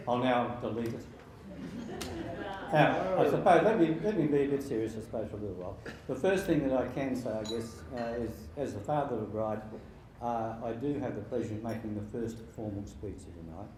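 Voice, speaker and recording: A man in his sixties giving an informal wedding speech as father of the bride, halting and jokey with sentimental touches. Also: medium pitch, darkish tone. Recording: very echoey room with faint background noise.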